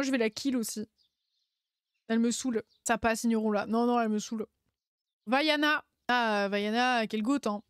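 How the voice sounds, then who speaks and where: A woman's voice: a little high, no room sound, studio quality. A woman streamer chatting casually and playfully, laughing often and using lots of slang. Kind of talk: casual live-stream chat.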